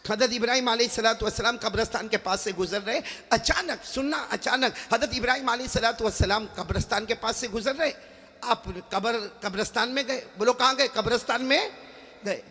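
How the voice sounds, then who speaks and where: Man, preacher, very high voice, gravelly edge, sing-song chanting, long hall reverb. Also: pushed and bright. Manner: calls on the crowd to repeat after him. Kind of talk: emotional sermon storytelling.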